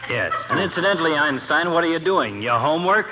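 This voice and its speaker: An actor playing a sardonic, pompous doctor in 1940s radio comedy, needling in dry, mock-learned, wordy phrases. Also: male voice, on the high side, expressive, quick pace, close to an everyday voice. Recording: muffled, faintly hissy vintage radio recording.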